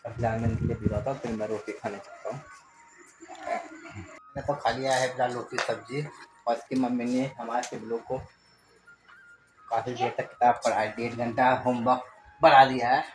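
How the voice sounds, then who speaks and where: Speaking at a moderate pace with frequent pauses, this Garhwali-accented man has a mid-range voice and flat delivery. He is a family vlogger and father from the Garhwal hills, India, rambling casually at home as he coaxes his child. The audio is poor, with music playing and clear background noise.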